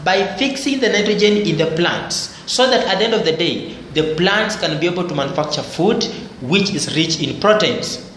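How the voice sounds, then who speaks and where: A man's voice: sits high, animated, normal speed, a bit bright. A man with a slightly raised voice lectures on biology and goes over each point twice. His voice rings in a very echoey room. A faint hiss runs behind him. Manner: repetitive explanatory teaching, phrases restated for emphasis. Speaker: teacher.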